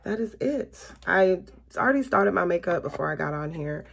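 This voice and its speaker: Her voice sits lowish, gravelly and slightly rough, with lively intonation and a moderate pace. She's a late-thirties beauty vlogger with a Southern Florida accent, doing her makeup in a small bedroom and chatting loosely to "you guys" with frequent laughter in a casual get-ready-with-me clip. A camera directly in front picks her up at close range.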